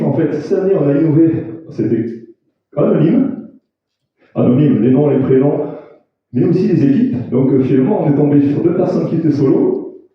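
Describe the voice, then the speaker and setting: A man hosts part of a data visualization awards evening, chatting casually and poking fun at himself. He stumbles and restarts often. The sound is distant, echoey and a little dull. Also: fairly high pitch. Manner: rambling, self-mocking, many restarts and fillers. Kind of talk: casual live presentation with jokes.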